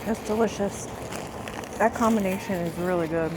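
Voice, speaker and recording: A woman on a market tour, chatting casually with soft, short comments about the food. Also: medium pitch, normal speed, background noise. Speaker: companion on the tour. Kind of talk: casual chat.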